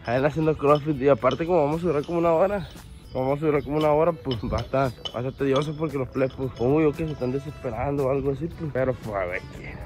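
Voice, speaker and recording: A man's voice: medium pitch, rapid-fire, darkish tone, soft background music. A young man vlogging outdoors on his phone, rambling in slang and sounding half asleep. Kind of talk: casual vlog. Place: outdoors at a cemetery. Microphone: handheld phone camera.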